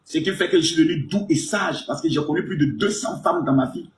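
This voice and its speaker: A man in his forties hosting a live stream, crude and teasing, with mock indignation that swings between loud outbursts and low mutters. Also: quick pace, roomy sound, slight background noise. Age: 40s. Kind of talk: provocative live stream banter.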